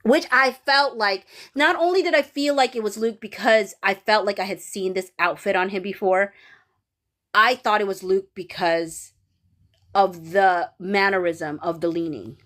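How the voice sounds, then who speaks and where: Here the Filipino livestream host, possibly in her thirties, speaks a little slowly in a mid-range, slightly bright voice. She reads viewer comments and rambles casually, full of fillers and restarts.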